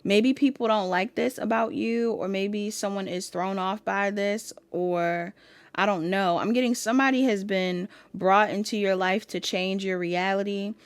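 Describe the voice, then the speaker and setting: A woman gives a relaxed pick-a-card tarot reading in an easy, chatty way, calling her viewers y'all. She moves between loose talk and reading card meanings aloud from a guidebook. The sound is dry, with no room echo. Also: medium pitch, measured pace, clear, resonant tone. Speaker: tarot reader.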